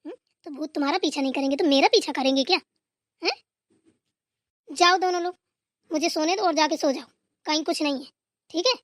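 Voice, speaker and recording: A woman's voice: sits high, a little fast, long pauses, dry recording, studio quality, lightly acted. A woman voicing a grumpy older mother-in-law who nags and scolds in a comic family skit. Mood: scolding. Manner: bossy, nagging scolding.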